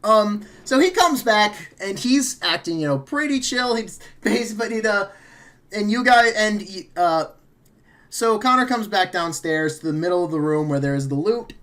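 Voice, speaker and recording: A man's voice: sits high, fairly bright tone. A man running a tabletop game as game master, casual and rambling, laughing often and correcting himself mid-sentence.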